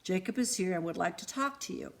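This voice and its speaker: A woman's voice: lowish voice, lively intonation, a little fast. A woman reading the lines of an older man in a storybook, urgent and commanding. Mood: reassuring. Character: older man with a cheerful firm manner.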